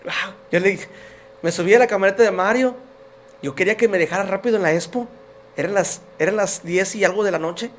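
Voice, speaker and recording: A man's voice: sits high, a little fast. A man giving his personal faith testimony as a podcast guest, telling his story in an earnest, emotional way.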